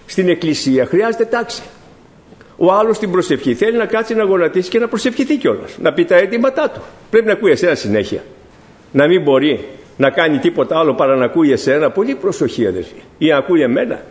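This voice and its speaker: Greek pastor preaching in a high voice. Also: male voice, big pitch swings. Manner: preaching to the congregation, rising and falling emphatic. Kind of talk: sermon.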